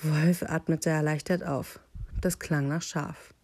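A woman reading a children's picture book aloud, with calm, deliberate storytelling. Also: low-pitched.

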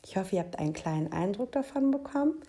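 A teacher presenting a school book podcast for first graders and reading a children's book aloud in a clear storytelling manner. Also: female voice, mid-range voice, lively intonation. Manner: warm-hearted, slow, clear storytelling for young children.

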